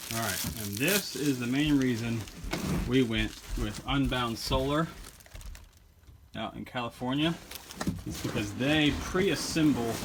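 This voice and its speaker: A man talks casually to the camera outdoors at his rural homestead, explaining equipment step by step. He pauses with fillers and restarts his sentences, and there is faint noise behind him. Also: lowish voice, pushed and bright. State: out of breath from lifting. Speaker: homesteading vlogger.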